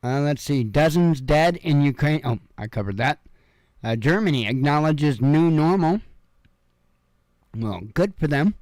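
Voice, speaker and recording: A man's voice: a little high, expressive, measured pace, a little mellow, dry recording. A man from Illinois casually reading news headlines at home and adding rambling, offhand asides full of fillers. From Illinois, USA. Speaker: news commentary host. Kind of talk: casual headline read-through with commentary. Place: home room.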